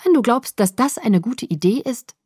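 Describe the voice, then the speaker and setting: A woman's voice: fairly high pitch, lively intonation, moderate pace, warm tone, slightly rough, no room sound, studio quality, voice pushed up. A woman reading a worried, stern young female vampire who questions her friend reproachfully, in an audiobook. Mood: earnest.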